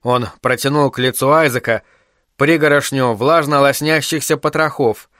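Brief: male audiobook narrator, mid-pitched, dry close studio sound, steady reading. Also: normal speed, no echo. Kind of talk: scripted narration.

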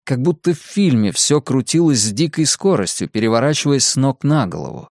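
A man narrating a thriller audiobook in a measured, tense storytelling manner. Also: mid-range voice, very animated, vocal fry, a little mellow, no echo, studio quality.

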